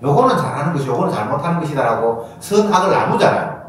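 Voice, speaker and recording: A man preaching a sermon as pastor, animated and acting out quoted voices with sudden high bursts. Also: fast talker. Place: church sanctuary. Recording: echoey church hall from far off, faint noise.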